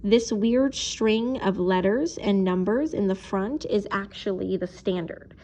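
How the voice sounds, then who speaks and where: A woman's voice: mid-range voice, a little slow, warm tone, lo-fi sound. Patient woman teacher explaining step by step. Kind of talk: recorded math video lesson.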